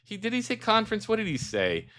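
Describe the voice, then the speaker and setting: A middle-aged man co-hosting a casual movie review chat, animated and ranting, acting out lines in put-on voices. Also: sits high, fast talker, a crowd in the background. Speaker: podcast co-host.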